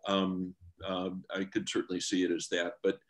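A man with a low voice shares a memory during an online group discussion. He speaks hesitantly, pausing on fillers and restarting his words, over a video call. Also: completely flat delivery. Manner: hesitant, many fillers and repeated starts.

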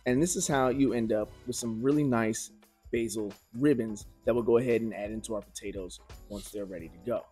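A man in his forties hosts a relaxed cooking demonstration from his home kitchen, easygoing and chatty, tossing asides to the viewer. His mid-range voice is husky and brisk, with soft music playing behind it.

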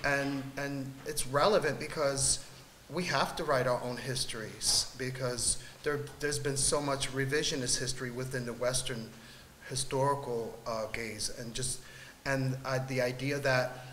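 A middle-aged man speaking on an art panel, reflective and halting with many pauses, gesturing as he talks into a table mic. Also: medium pitch, steady tone, a bit bright. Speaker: panelist artist. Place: large gallery room with audience. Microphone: table mic on stand. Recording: echoey gallery room, faint noise.

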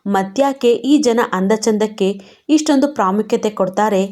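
A woman voicing a sensitive young wife who speaks softly and reflectively, in a mellow tone. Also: mid-range voice, normal speed, lightly acted. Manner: soft, reflective, questioning. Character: sensitive young wife, guilt-ridden and thoughtful.

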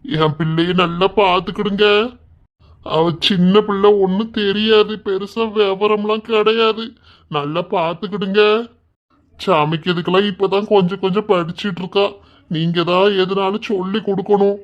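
A woman's voice: medium pitch, fairly even intonation, normal speed, natural voice. A woman voicing a worried mother of the bride in a cartoon, pleading earnestly in a southern Tamil dialect. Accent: southern Tamil Nadu (Tirunelveli) dialect. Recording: dull lo-fi sound, faint music.

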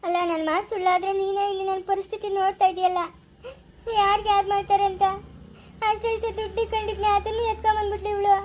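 A woman's voice: very high voice, little pitch movement, quick pace, a little mellow, slight background noise. A woman playing a poor, aging mother-in-law who begs through tears, with a Chikkaballapur Kannada accent. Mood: tearful pleading. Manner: tearful, begging, repetitive. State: crying.

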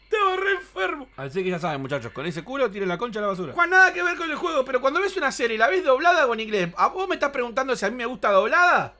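An Argentine man calls out his horror gameplay as he goes, rough-mouthed and quick to laugh. His voice sits high and swings up and down with excitement. His tone is strikingly bright and sharp. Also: a little hiss or hum. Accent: Rioplatense Argentine Spanish. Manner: crude, excitable, laughing and swearing at the game. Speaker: gaming streamer. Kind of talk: live gameplay commentary.

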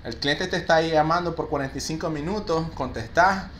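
A male English teacher for call center agents, with a fairly high-pitched voice, runs a live online class, reading out student answers. He's upbeat and lively, mixes Spanish and English, and praises his students often and quickly, with faint noise behind him.

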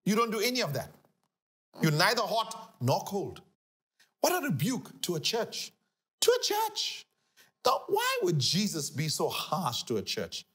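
A middle-aged man, a pastor, teaching scripture on a talk show in an animated, emphatic way, repeating key phrases. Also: high-pitched, a little slow. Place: living-room studio set, indoors.

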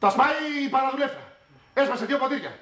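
An actor playing a rough, blustering man who is caught out and talks defensively. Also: very high-pitched, animated, sharp tone, roomy sound, full character voice.

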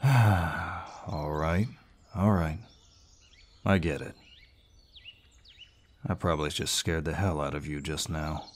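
In a scripted audio roleplay set against birdsong forest effects, a male actor with a deep voice speaks directly to the listener as a large barbarian warrior, gruff but kind. His manner is measured and reassuring, broken by pauses and sighs, with an amused, calming mood.

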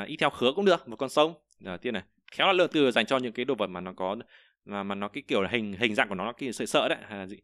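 A man teaching a vocabulary lesson, explaining each word and repeating example sentences slowly, with frequent hesitations. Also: fairly low pitch, bright, forceful tone, dry recording, clean studio sound. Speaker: Chinese teacher.

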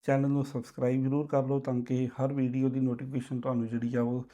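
A man teaching the pronunciation of a sacred word. He repeats it in slow, drawn-out recitation and explains it patiently. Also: mid-range voice, monotone, warm tone. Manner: slow drawn-out demonstration chanting. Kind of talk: recitation lesson.

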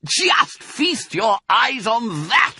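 A man's voice: on the high side, huge pitch swings, normal speed, sharp tone, breathy edge, no echo, clean studio sound, voice pushed up, heavily acted. Man voicing exuberant Mister Fox, swooping theatrical delivery. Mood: gleeful. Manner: theatrical, exclamatory, relishing words. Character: exuberant, proud, bossy adult male fox, a doting father.

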